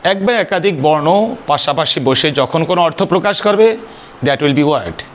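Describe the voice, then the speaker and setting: A man's voice: fairly high pitch, animated, a little slow, slight background noise. A man teaching an English grammar lesson. He spells words out letter by letter, asks questions and answers them himself, and mixes English phrases into his explanations. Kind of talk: spoken classroom lesson.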